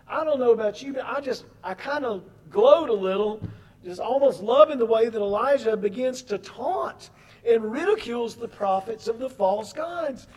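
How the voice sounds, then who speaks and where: A man's voice: very high-pitched, lively intonation, normal speed, darkish tone. A man preaching a sermon, reading scripture aloud and breaking off for chatty asides to his congregation. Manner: addresses the congregation as folks.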